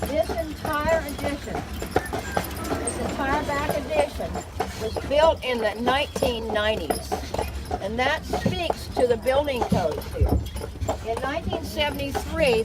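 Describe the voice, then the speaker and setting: Riding outdoors on a moving open carriage, a roughly seventy-year-old tour guide with a high-pitched voice chats and explains the sights, projecting to her group. The sound comes from a handheld phone a little way off, making for a very noisy outdoor recording full of loud noise and clopping hooves.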